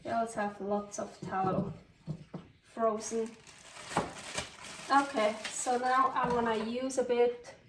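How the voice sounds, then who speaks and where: Her voice is fairly high and level in tone, slow and marked by long pauses. Swiss-born, with Californian English colored by a Swiss accent, this cooking vlogger chats off the cuff in her home kitchen, poking fun at herself and crying out as mishaps happen. Recorded on a distant mic, the audio sounds roomy with faint noise.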